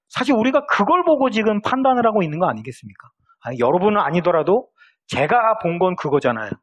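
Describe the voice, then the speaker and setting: A male pastor giving an online sermon in a conversational way, asking the congregation rhetorical questions. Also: high-pitched. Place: church.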